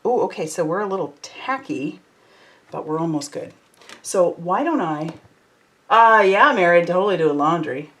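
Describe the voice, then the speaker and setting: Woman, lowish voice, chatty live craft host greeting viewers by name. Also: expressive, moderate pace. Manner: chatty, reads out viewer comments, warm and effusive. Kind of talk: casual live chat while crafting.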